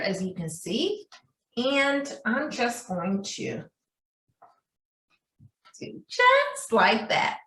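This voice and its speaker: A woman with a high, fairly bright voice leads a craft demonstration for young children, speaking in a sing-song way, calling them friends, and checking in with frequent questions. She is recorded in a room with roomy echo, some distance from the microphone.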